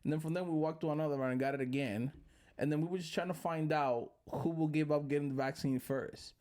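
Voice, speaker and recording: Hailing from the Dominican Republic, the host of this podcast talks at a quick pace in a steady, warm tone, his voice on the high side. The conversation is casual chat, loose and profane, with plenty of joking.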